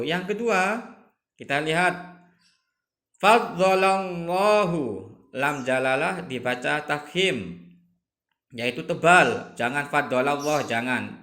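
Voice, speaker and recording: A man in middle age teaches a religion lesson in a medium-pitched voice. He repeats his points and draws out the recitation examples for his students. His voice rings in an echoey room. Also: pushed and bright. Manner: addresses students as children, repeats phrases, stresses recitation examples. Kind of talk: recorded class lesson.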